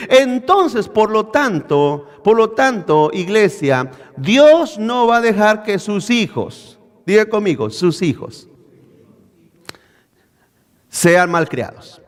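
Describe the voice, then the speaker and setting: A man's voice: high-pitched, sing-song, slow. A man preaching a sermon, quizzing his congregation with rhetorical questions. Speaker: pastor. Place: church hall. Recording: echoey church hall.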